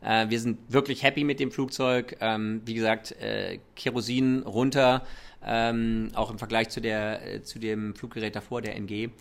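A man's voice: on the low side, level tone, moderate pace, gravelly. A man who speaks German with a slight American accent, answering interview questions as an executive in a hesitant way, dropping in English business terms. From Germany and the United States. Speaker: airline chief executive.

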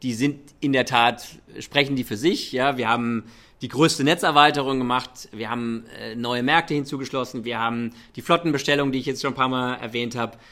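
A man's voice: mid-range voice, fairly even intonation, a little fast, fairly bright tone. A man who speaks German with a slight American accent, answering interview questions as an executive in a hesitant way, dropping in English business terms. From Germany and the United States. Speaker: airline chief executive.

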